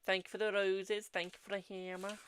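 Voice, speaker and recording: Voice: medium pitch, flat delivery, a little fast, a bit bright, a little hiss or hum. A British fortune teller chatting casually with viewers on a live stream and giving readings, addressing them as darling.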